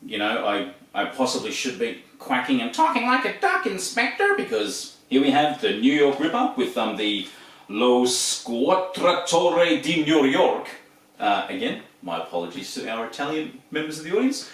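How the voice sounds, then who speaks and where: An Australian man in his forties, hosting a video, does a casual show-and-tell of his collection in a room full of shelves and posters, with plenty of ums and restarts. His mid-range voice is sing-song, a bit bright and moderately paced. The camera sits across the room, so the sound is distant and echoey.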